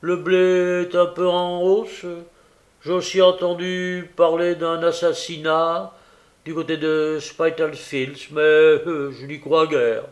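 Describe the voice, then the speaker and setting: A man reading aloud puts on an impatient coach driver in a raised, grumbling voice. The driver is gruff and short-tempered, a working man in a read-aloud story. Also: fairly high pitch, little pitch movement, takes it slowly, pitched above the performer's own voice. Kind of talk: audiobook character voice.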